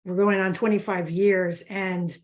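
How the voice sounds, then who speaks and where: A woman from New Jersey speaking at a middle pitch as a guest in a coaching interview. She sounds friendly and reflective, laughing easily as she talks. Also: little pitch movement, a little slow, darkish tone. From United States, New Jersey. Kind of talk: casual interview chat.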